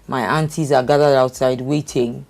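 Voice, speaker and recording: A woman's voice: extremely low pitch, steady tone, moderate pace, vocal fry, a little mellow, slight background noise. Middle-aged woman, candid personal story, conversational, hesitant, many restarts. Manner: hesitant, with frequent fillers and restarts. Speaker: guest sharing her life story.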